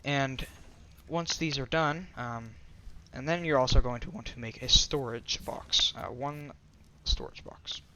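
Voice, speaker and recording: A man's voice: medium pitch, a little slow, bright, forceful tone, slight background noise. A man giving a casual voice-over game tutorial, rambling and often restarting or correcting himself. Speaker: gaming tutorial creator.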